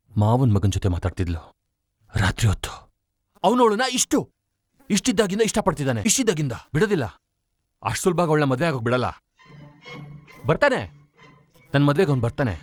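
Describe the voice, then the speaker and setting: A menacing jealous fiancé. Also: male voice, mid-range voice, no room sound, clean studio sound. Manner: stern, threatening. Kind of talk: Kannada film dubbing.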